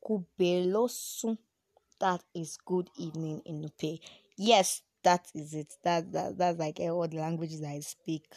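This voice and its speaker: A woman's voice: lowish voice, no echo, clean studio sound. A woman from Nigeria with a Yoruba accent, chatting casually and playfully as a solo podcast host, with informal Pidgin turns of phrase.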